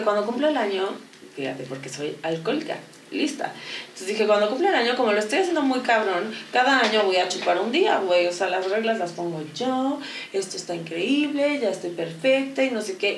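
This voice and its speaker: A woman's voice: medium pitch, distant mic, a little hiss or hum. A woman in her thirties with a Mexican accent, telling personal stories in a candid, slangy casual conversation with plenty of swearing. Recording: echoey room, voice a bit off-mic.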